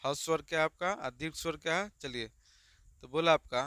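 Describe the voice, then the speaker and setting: A man's voice: a little high, fairly quick, sharp tone, clear, resonant tone, no echo, clean studio sound. A man teaching a grammar lesson, asking and answering his own questions over and over. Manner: repetitive call-and-response questioning.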